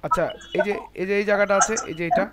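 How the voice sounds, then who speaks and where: In an online class, a man teaches Quran recitation, explaining the rules step by step and patiently correcting his students. He speaks in a high voice at a racing pace with fairly even intonation, and the recording is very noisy.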